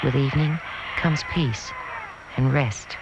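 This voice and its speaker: A man giving calm, measured, poetic scripted narration for a nature documentary, heard from a worn VHS tape copy. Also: mid-range voice. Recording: dull hissy worn videotape dub.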